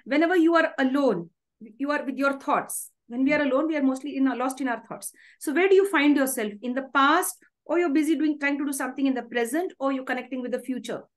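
Interview host: woman, thirties, Indian accent, high-pitched, effusive and affirming, conversational. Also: fast. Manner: effusive, polite, frequently affirming. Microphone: video call microphone.

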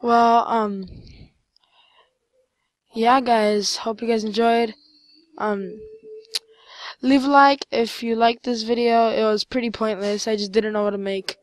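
Slow-talking woman narrating her gameplay. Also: on the high side, dry recording. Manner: rambling, with many fillers and excited outbursts. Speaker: gameplay commentator. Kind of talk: casual gameplay commentary.

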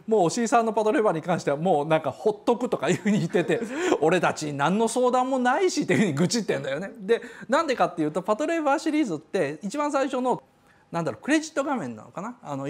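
An older man giving a casual spoken critique as a commentator. He acts out quoted dialogue in raised voices and chuckles as he talks. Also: sits high. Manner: chuckles while talking.

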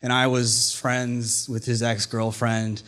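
A man's voice: medium pitch, level tone, takes it slowly, a bit bright. A man in his twenties telling a personal story live on a small indoor stage, wry and self-deprecating, speaking into a stand microphone. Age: 20s. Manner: wry, self-deprecating, plays lines for laughs. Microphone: stand mic at mouth.

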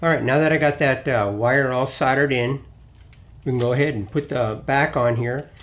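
A middle-aged man hosting a hands-on repair tutorial in his home garage, talking in a relaxed, plainspoken way as he works on an engine bay. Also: medium pitch, normal speed, slight background noise. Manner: relaxed, plainspoken, thinks aloud while working. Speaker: DIY auto repair channel host.

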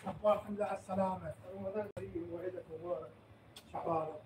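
A man's voice: high-pitched, fairly even intonation, racing. A man joining a live stream as a guest, trading polite greetings on a call. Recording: distant roomy call audio with faint background noise.

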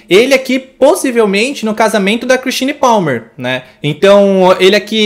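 A Brazilian man with a high-pitched voice reacts to a movie trailer. He talks in an effusive, exclamatory way and gushes over each scene as he comments on it. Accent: Brazilian Portuguese.

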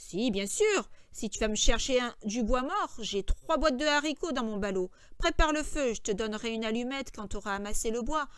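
A woman's voice: a little high, animated, normal speed, hardly any pauses, smooth, dry recording, lightly acted. George, a woman doing a bossy, irritable farmhand. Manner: scolding, sharp, impatient. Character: irritable, bossy adult male farmhand, short-tempered.

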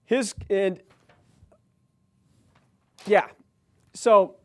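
Seated at a desk on an indoor studio set, a man in his forties with an American accent and a strikingly high voice offers political commentary. His intonation stays fairly even and his tone is somewhat dark as he reads news items aloud, pausing for emphatic, faltering asides in which he often repeats himself.

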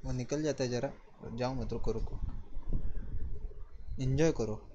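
A young man runs a mobile game livestream, bantering with viewers and barking excited callouts to his squad. The stream audio is noisy, with a steady hiss behind his voice. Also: medium pitch, measured pace, lo-fi sound.

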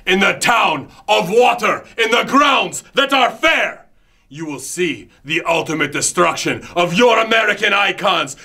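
A man voicing a fanatical, menacing male wrestling villain, bellowing threats and drawn-out chants in a shouted promo. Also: high-pitched, vocal fry, pitched above the performer's own voice, full character voice.

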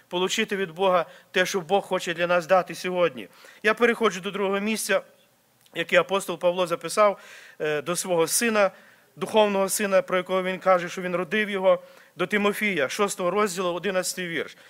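A man's voice: high-pitched, fairly bright tone. A man preaching a sermon at a church service, earnest and repetitive, restarting phrases as he exhorts. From Ukraine or Slavic region.

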